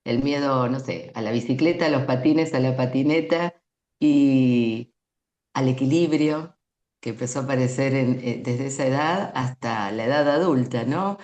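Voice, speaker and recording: A woman's voice: very deep voice, normal speed, darkish tone, lo-fi sound. A woman podcast host, chatting reflectively and tossing questions to her co-hosts. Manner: reflective, tosses questions to the others. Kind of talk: casual conversation. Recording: roomy echo.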